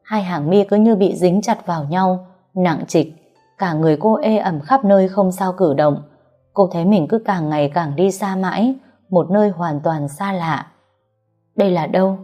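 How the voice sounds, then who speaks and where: A woman narrating a story in a steady, even storytelling manner. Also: lowish voice, highs cut off. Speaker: audiobook narrator.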